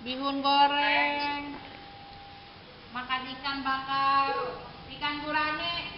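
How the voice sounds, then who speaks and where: A woman's voice: sits high, little pitch movement, slow pace, reverberant, muffled recording, slight background noise. A woman who laughs a lot and chats playfully on a family home video, heard through old camcorder audio. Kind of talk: casual home-video chatter.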